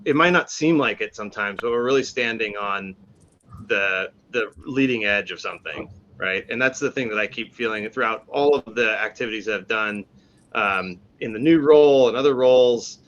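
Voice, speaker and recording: A man's voice: lowish voice, a bit bright. A man giving an earnest informal thank-you speech over a video call, his voice dull and lo-fi through a bad connection. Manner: earnest, many restarts, builds in force. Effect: bad connection, dull lo-fi call audio. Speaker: community guest speaker.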